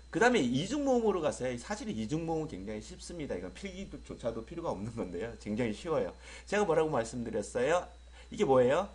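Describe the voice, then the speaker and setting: Teaching English vowel sounds online, this slightly high-voiced man lets his pitch rise and fall a great deal. Each word gets a slow repetition with long vowels, and he trades jokes with students he addresses as friends.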